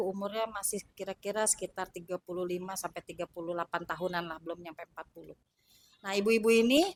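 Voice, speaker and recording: A woman recounting her time as a flight attendant in a casual, halting way with many fillers. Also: medium pitch. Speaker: former flight attendant guest. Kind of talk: casual storytelling.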